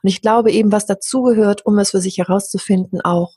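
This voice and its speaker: A woman working as a communication coach, speaking in an interview in a lively, frank way and often acting out what other people say. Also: medium pitch, fast, husky, no room sound, studio quality. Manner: animated, acts out other people's remarks; frank, casual wording. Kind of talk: interview conversation.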